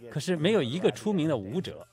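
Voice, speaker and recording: A man's voice: on the high side, sing-song, fast talker, over music. A man giving an earnest first-person voice-over translation of an interviewee, recorded in a booth.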